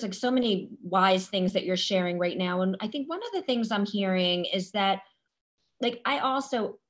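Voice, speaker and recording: A woman hosting the conversation as a clinical director, listening supportively and answering with steady affirmations. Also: medium pitch. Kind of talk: casual video call conversation.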